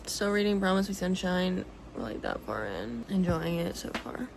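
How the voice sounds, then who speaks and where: A young woman vlogging casually about her reading, chatty and excitable, saying "like" a lot. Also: fairly low pitch, moderate pace, creaky, a little hiss or hum. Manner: chatty and excitable, heavy use of "like". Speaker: book vlogger. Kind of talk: casual vlog chat. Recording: background music under the voice.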